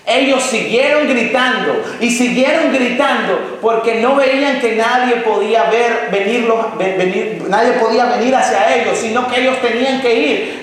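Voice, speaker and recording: A male pastor preaching a sermon with passion, asking his congregation rhetorical questions. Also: extremely high pitch. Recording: very echoey hall with faint noise.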